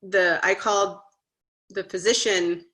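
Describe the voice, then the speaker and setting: A woman's voice: medium pitch, fairly even intonation, measured pace, pushed and bright. A woman in her thirties, a guest parent telling her story in a casual interview, chatty and earnest, acting out the conversations she recalls. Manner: chatty, with frequent "like" and "you know".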